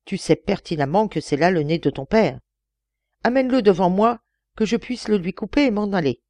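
A woman's voice: mid-range voice, expressive, normal speed, dark tone, no room sound, voice pushed up, lightly acted. A woman voicing a scheming male royal envoy who speaks sternly and wheedles for a bribe in a read-aloud story.

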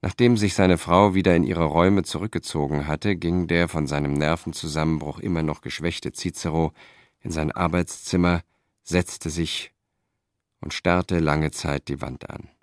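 A man narrating an audiobook in a measured, even reading style. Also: low-pitched, no room sound, studio quality. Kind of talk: scripted narration.

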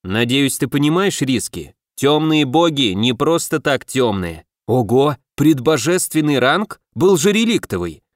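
A man voicing the hero's practical, cautious brother in an audiobook, asking brisk and wary questions. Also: medium pitch, sing-song, dry recording, studio quality. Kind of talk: audiobook character voice.

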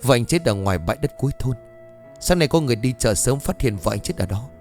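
A man voicing a panicked neighbor in a ghost story, urgent and hurried. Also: mid-range voice, lively intonation, darkish tone, faint music behind, natural voice. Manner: breathless and urgent.

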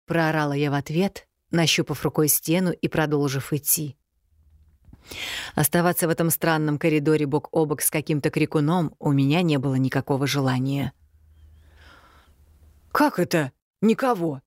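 Brief: woman audiobook narrator, low voice, dry close recording. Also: a little mellow, no echo. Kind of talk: first-person audiobook narration.

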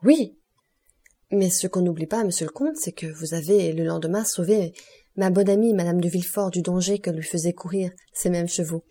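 A woman's voice: on the low side, moderate pace, mellow, husky. A woman voicing a haughty, effusive middle-aged society baroness in an audiobook.

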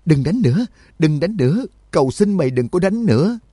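A man putting on a shrill, panicked man begging for mercy. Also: big pitch swings, a little fast, dark tone, slightly rough, dry recording, clean studio sound. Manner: frantic pleading, high and strained.

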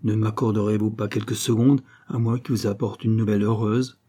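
A man reading the part of an anguished, lovesick young gentleman in an audiobook. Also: on the low side, flat delivery, a little fast, breathy edge. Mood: solemn. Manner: solemn and emotional. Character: young gentleman in love, anguished, stiffly polite.

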